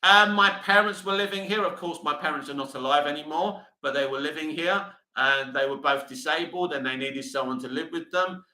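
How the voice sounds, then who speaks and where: A middle-aged man holds forth on a casual livestream, reading out viewer comments and answering them with blunt opinions. His voice is bright and sharp and sits a little high for a man. The room around him is echoey. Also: fairly quick, few pauses. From England. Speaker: livestream host reading chat.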